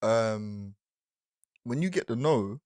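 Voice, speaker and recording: A man, a podcast guest answering questions in a relaxed way and laughing easily. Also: fairly low pitch, slow pace, no room sound. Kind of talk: interview answer.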